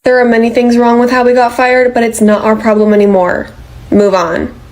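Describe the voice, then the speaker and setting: A woman's voice: on the high side, level tone, normal speed, darkish tone, close to an everyday voice. A woman voicing a weary, dismissive ex-manager. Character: fired female manager, weary and resigned. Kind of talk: animated comedy dialogue.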